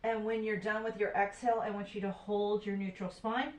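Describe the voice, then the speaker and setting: A woman yoga instructor leading a home floor routine, calmly cueing breath and poses. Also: mid-range voice, fairly quick, roomy sound.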